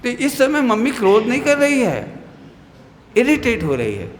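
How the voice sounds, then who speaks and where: Man, religious teacher, high voice; playful class talk with questions and mock scolding; echoey hall with a faint hum. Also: wildly swooping pitch, unhurried. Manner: acts out scolding mothers and teachers. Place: hall with children. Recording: echoey hall with long reverb.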